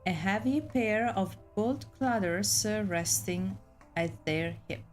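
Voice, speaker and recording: A young woman reading a visual novel aloud in an unhurried way, stumbling on words and adding playful asides. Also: mid-range voice, soft background music, poor audio. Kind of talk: casual gameplay narration with character voices.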